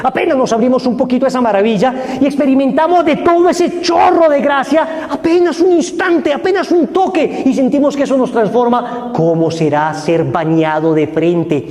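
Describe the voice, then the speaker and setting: A man preaching a sermon, dramatic, swinging between high urgent cries and hushed low tones. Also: normal speed, few pauses. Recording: echoey hall with long reverb.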